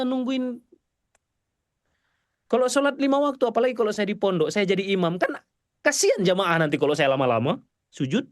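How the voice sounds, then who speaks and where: A male preacher giving a mosque sermon to a congregation, animated and pleading, swinging between loud exclamations and soft murmurs. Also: sits high, no room sound, studio quality.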